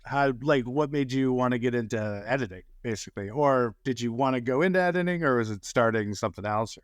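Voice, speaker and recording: Man, podcast co-host, easygoing, asks questions, smooth clear voice, dry close mic. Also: mid-range voice, fairly quick, dry recording. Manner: easygoing, affirming with short backchannels. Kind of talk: casual podcast chat.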